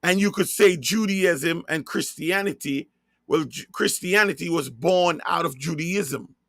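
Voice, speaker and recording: A man from Jamaica, speaking with a Jamaican accent, preaches slowly in sermon form, repeating and spelling out key words for emphasis. His voice runs on the high side, creaky, pushed, and bright, in a dry recording with clean studio sound.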